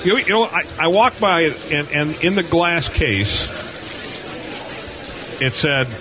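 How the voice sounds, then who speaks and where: An expressive, slightly high-pitched man, middle-aged or older, hosts a laid-back live radio interview at a slow pace, chatting and looking back on old times. He's broadcasting from a convention hall booth amid the racket of a busy event floor.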